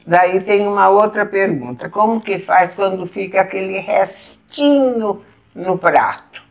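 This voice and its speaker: A woman with a Brazilian Portuguese accent, patiently showing step by step how to eat at the table and pausing to eat as she goes. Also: mid-range voice. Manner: patient, explains step by step while eating. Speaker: etiquette instructor. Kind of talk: casual demonstration.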